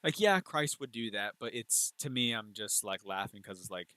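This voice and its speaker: A man's voice: fairly low pitch, expressive, moderate pace, pushed and bright, dry recording. A man chatting casually during a film watch-along stream, rambling and laughing often as he mocks what he sees. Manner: rambling, laughs a lot, mocking voices. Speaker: stream co-host.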